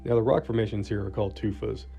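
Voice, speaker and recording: A man with a low, mellow voice reads scripted travel narration at a brisk clip, informative and dry. The voice-over sounds dull and lo-fi, with faint music under it. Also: steady tone, vocal fry, husky.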